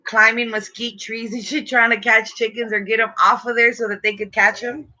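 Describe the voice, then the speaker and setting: A woman's voice: a little high, level tone, normal speed, pushed and bright. A young adult woman chatting casually in a slangy, profane stoner manner. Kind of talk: casual chat. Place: small dim bedroom indoors. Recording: dull lo-fi room recording.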